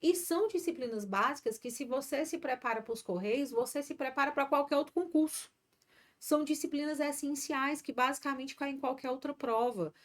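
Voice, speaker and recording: A woman from Ceará teaches a live online grammar class in a fairly high voice. She talks chattily and encourages her students between points. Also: moderate pace. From Ceará, Brazil.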